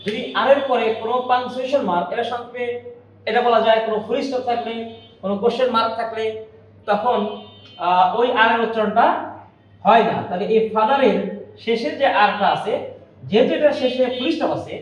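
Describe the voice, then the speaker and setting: Echoey high-voiced male teacher. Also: highs cut off. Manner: repeats example words slowly and deliberately. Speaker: English pronunciation teacher. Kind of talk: classroom-style lesson. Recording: very echoey room, mic at a distance.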